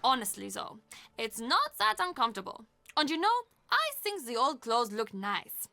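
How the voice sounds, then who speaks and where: An actress voicing a warm, chatty middle-aged castle employee and aunt in a video game, expressive and confiding. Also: female voice, on the high side, moderate pace, creaky, no echo, heavily acted. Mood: wry, chatty.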